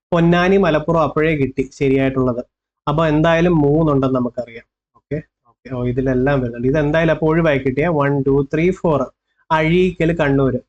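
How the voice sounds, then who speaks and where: This is a man with a Kerala Malayalam accent teaching an exam-prep class, his voice pitched a little high for a man. He coaxes his students along, going back over points and asking whether they have them. The recording sounds dull and lo-fi. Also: a little mellow. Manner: coaxing, repeats facts and checks with the listener. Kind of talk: online exam-prep lesson.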